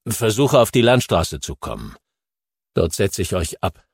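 Nervous old farmer read by a man, husky, jumpy, urgent, audiobook, dry close mic. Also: deep voice, very animated, a little slow, dry recording, heavily acted. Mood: agitated. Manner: urgent, pleading. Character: wary, agitated old farmer. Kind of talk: audiobook reading.

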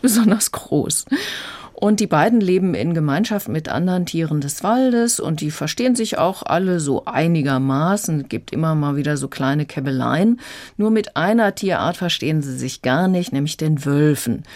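A female critic on radio, retelling a children's story in an easy, conversational way. Her voice sits very low for a woman, and the tone stays chatty throughout. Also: a little mellow. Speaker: book critic. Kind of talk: radio review, casual explanation.

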